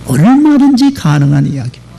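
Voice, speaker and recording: A man's voice: fairly high pitch, big pitch swings, quick pace, vocal fry, mellow, a little hiss or hum, poor audio. A male pastor giving a Sunday sermon in a church, telling stories and speaking straight to the congregation. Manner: storytelling with acted dialogue, addressing the congregation. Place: church sanctuary.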